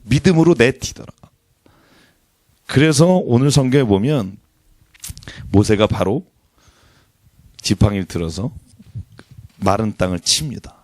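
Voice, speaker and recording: Animated male pastor preaching. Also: lowish voice, measured pace, long pauses, dry recording. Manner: conversational, animated, laughs often. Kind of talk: sermon.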